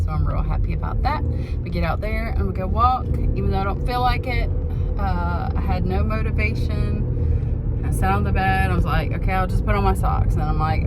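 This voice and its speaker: A woman chatting casually to her viewers as a vlogger, talking into a phone while out on a walk. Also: mid-range voice. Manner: chatty, self-deprecating, talks to viewers as friends. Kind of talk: casual vlog chat. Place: outdoors on a walk near traffic. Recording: outdoor traffic noise behind.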